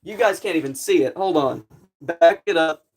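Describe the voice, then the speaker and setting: Male streamer, slightly high voice, rambling wry commentary while working with tools. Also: moderate pace. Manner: rambling, jokey self-deprecating running commentary. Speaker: livestreamer. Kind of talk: casual livestream chat while tinkering.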